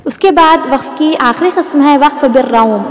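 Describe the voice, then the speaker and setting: A high-pitched woman gives a patient recitation lesson, stretching out example words as she explains them. Her voice rings around an echoey room with a long reverb tail. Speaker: Quran recitation teacher. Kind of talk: tajweed lesson with demonstrations.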